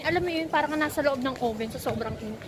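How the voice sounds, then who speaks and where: Filipina woman from the philippines vlogging on her phone, high voice, chatty and laughy, loud street noise behind. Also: racing. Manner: chatty, switching between Tagalog and English, laughs often. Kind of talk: casual vlog chat. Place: outdoors at a fairground and market.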